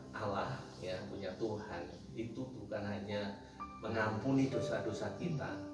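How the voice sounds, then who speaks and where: A man giving a conversational sermon, joking with his congregation. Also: on the low side. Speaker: preacher. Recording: echoey room, mic from a distance.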